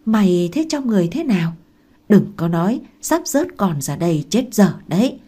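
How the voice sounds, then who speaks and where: A woman reading aloud and voicing a blunt, gruff old village woman who scolds loudly and talks coarsely. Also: mid-range voice, sing-song, moderate pace. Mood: scolding.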